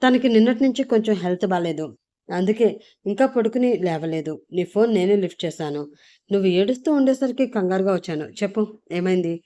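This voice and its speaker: A man's voice: sits high, fairly quick, mellow, close to an everyday voice. A woman voicing a caring, anxious young man in a narrated audio story, asking urgent questions. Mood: alarmed.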